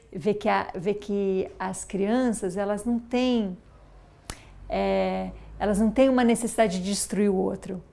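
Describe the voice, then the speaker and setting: Middle-aged Brazilian woman, higher voice, reflective and halting. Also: gravelly. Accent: Brazilian Portuguese. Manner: thoughtful, storytelling with many fillers and restarts. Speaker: mother. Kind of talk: reflective interview talk.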